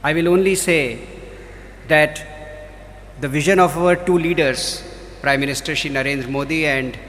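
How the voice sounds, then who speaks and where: A man with an Indian accent giving a formal ceremonial speech as a diplomat, measured and phrase by phrase. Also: on the high side, a bit bright. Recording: reverberant hall, faint background noise.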